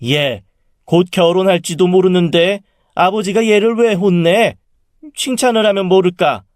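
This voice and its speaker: A man voicing a sharp-tongued middle-aged mother who scolds loudly and brags about her daughter. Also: expressive, a little slow, dry recording, clean studio sound. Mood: indignant. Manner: loud, scolding and shrill.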